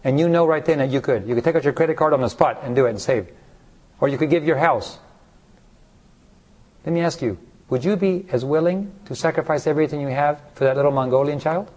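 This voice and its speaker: Guy preaching a sermon, kinda high voice, keeps firing questions at the crowd. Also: brisk, darkish tone. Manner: rhetorical questions to the congregation; acts out short voices in stories.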